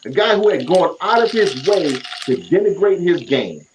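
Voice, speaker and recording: A man's voice: sits high, animated, normal speed, a little hiss or hum, low-quality recording. A man on a sports talk panel, arguing his point emphatically over a remote call. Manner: emphatic, argumentative.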